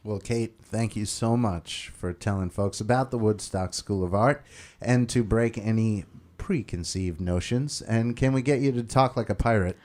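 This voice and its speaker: A man's voice: on the low side, moderate pace, darkish tone. A man hosting a morning radio show, easygoing and playful as he talks with a guest. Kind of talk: radio interview. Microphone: radio studio microphone.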